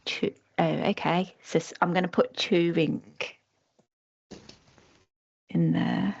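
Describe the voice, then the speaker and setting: A woman with a low voice carefully reads on-screen puzzle text aloud and thinks through the answer. She is heard over a video call. The sound is dull and lo-fi. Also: fairly even intonation, a little slow, creaky, a little mellow. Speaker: session participant.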